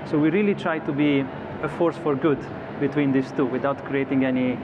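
A man in his thirties, an executive guest, is interviewed on a broadcast studio set on a convention floor at a trade show. He speaks thoughtfully but a little fast in a mid-range voice with fairly even intonation, with frequent restarts and fillers. The audio is slightly dull, with clear background noise.

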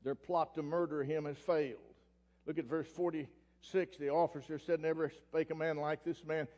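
A Southern US man preaching a fiery sermon as pastor, swinging from loud ranting to quiet scripture reading. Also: fairly high pitch, level tone, moderate pace. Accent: Oklahoma Southern US. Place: church sanctuary. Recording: long church hall reverb.

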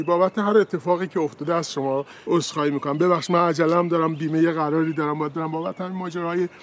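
A slippery factory manager in a television comedy, played by a man, heaping on flattery and rambling apologies. His voice sits high for a man. Faint background noise runs under the scene. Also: close to an everyday voice. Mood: evasive. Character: smooth-talking fawning male factory manager, evasive. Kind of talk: TV comedy series acting.

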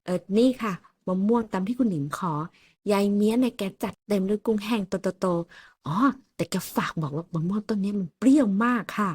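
A woman's voice: medium pitch, brisk, darkish tone, husky, no room sound, studio quality, lightly acted. A woman playing a chatty, polite housemaid. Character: chatty young housemaid, friendly and fussing.

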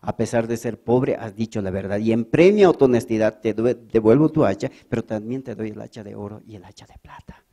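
Bolivian Spanish accent; benevolent male angel, gentle and solemn, put on by a man. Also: medium pitch, brisk, hardly any pauses, natural voice. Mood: kindly.

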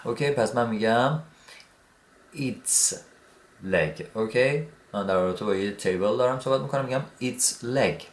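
A man teaching English grammar in a relaxed, repetitive way, saying okay often while writing on a board. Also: mid-range voice, echoey room. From Iran. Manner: relaxed, repeats words, says "okay" often. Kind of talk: explaining grammar at a whiteboard.

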